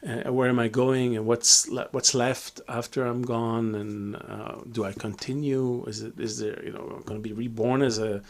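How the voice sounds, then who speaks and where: Man from Israel, middle-aged, reflective, halting with restarts, live Q&A teacher, medium pitch. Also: fairly even intonation. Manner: reflective, many fillers and restarts. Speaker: Kabbalah teacher. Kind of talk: live Q&A talk.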